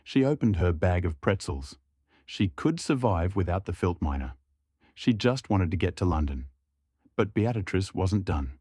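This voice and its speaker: Casting: male storyteller, low voice, dry close recording, measured delivery. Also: lively intonation, warm tone, husky, dry recording. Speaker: narrator. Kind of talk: scripted story narration.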